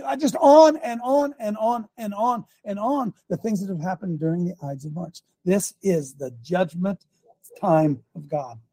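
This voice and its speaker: An older man with a high-pitched, gravelly, husky voice preaches emphatic commentary. He repeats his points and keeps asking his listeners rhetorical questions, clearing his throat along the way. The recording is close and dry. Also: warm tone, dry recording. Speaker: show host.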